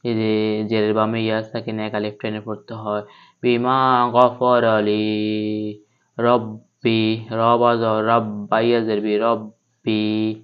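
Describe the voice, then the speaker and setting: A man teaching recitation, spelling each letter and vowel mark step by step, then reading the word slowly. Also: lowish voice, completely flat delivery, clear, resonant tone, highs cut off. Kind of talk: online spelling-based recitation lesson.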